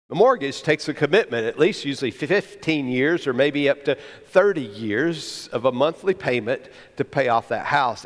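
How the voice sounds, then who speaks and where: Pastor preaching in a reverberant hall. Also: male voice, fairly high pitch. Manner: conversational, animated storytelling with rhetorical questions. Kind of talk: sermon.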